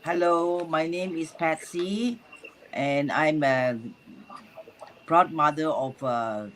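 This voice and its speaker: An older woman introduces herself haltingly, stretching her fillers. She speaks very slowly, with faint ambience behind her. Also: deep voice, a little hiss or hum. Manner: slow, halting with long fillers. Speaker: panelist.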